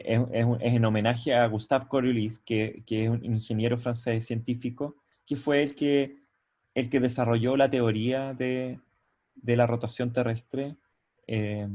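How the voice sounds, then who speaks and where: A male lecturer teaching a class over a video call, speaking into a computer microphone. His pitch sits in the middle of the male range. He talks his way through each idea, pauses to ask whether everyone is following, and restarts phrases as he goes. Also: level tone, a little mellow. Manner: explanatory, often checks in with "¿ya?"; halting, with frequent restarts. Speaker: university lecturer. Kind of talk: online university lecture. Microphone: computer mic on a video call.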